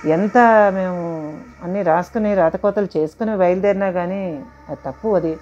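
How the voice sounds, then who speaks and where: A woman's voice: fairly low pitch, normal speed, warm tone, a little hiss or hum. A woman telling a tense first-person story straight to her listeners, dropping in English phrases as she goes. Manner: dramatic, addresses listeners directly, mixes in English phrases. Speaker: storyteller recounting her own experience. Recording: dull lo-fi audio with faint music.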